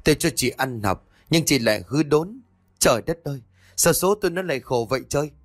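A man's voice: fairly high pitch, expressive, a little fast, no echo, clean studio sound, pitched above the performer's own voice. A man voicing a stern, furious old village mother who scolds harshly through gritted teeth.

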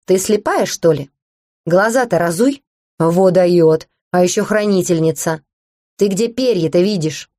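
A woman voicing a small, rude, raspy young male dragon who talks in cheeky slang in a storybook reading. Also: lowish voice, unhurried, warm tone, no room sound, studio quality, close to an everyday voice. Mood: scornful.

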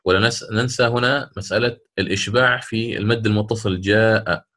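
A man teaching Quran recitation in a recorded lesson. He explains each rule step by step and chants short verse examples slowly. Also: fairly low pitch, steady tone, sharp tone.

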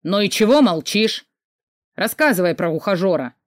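A woman reading an audiobook voices an irritable older brother who scolds loudly and fires off questions. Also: medium pitch, expressive, no echo, clean studio sound, lightly acted. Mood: scolding. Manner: loud, scolding, rapid-fire questions. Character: irritable young man, a bossy older brother.

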